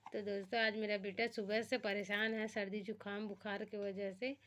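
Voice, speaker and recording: A woman's voice: medium pitch, little pitch movement, normal speed, a bit bright. A woman with a Bhojpuri-tinged Hindi accent, chatting casually to her viewers from home at night. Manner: chatty, addresses viewers as friends. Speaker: family vlogger.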